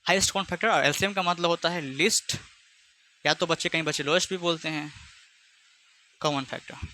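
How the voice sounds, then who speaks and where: Bright-voiced chatty maths teacher. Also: male voice, on the high side, fairly even intonation, a little fast, a little hiss or hum. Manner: chatty, teasing, speaks both sides of a pupil dialogue. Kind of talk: online class lesson with imagined student back-and-forth.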